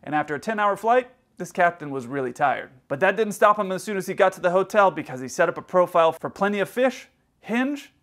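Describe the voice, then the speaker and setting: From his hotel room, a thirtyish male pilot spins stories for his vlog in a slightly elevated voice. He stays lively throughout, briefly voicing the words of the people in his tales.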